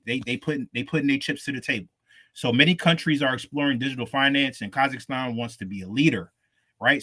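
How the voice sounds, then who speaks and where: On a relaxed crypto podcast, this co-host reads out the news with slang and a laid-back air, addressing his listeners as "fam." His medium-pitched voice sounds pushed and bright.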